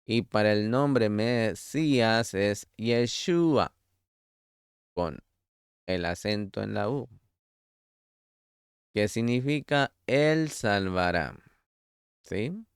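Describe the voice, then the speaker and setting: A man teaching a sermon-style Torah study, reading scripture aloud and speaking directly to his listeners in a deliberate way. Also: lowish voice, animated, smooth, no room sound, studio quality. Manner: addresses listener directly as beloved. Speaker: preacher.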